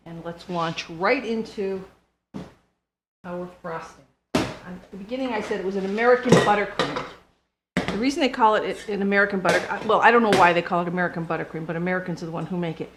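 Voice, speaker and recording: A woman's voice: lowish voice, fairly quick. An older woman, a home baker, talking casually and step by step through a cooking demonstration in her kitchen. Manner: chatty, homespun, explains step by step. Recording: noisy recording with clicks.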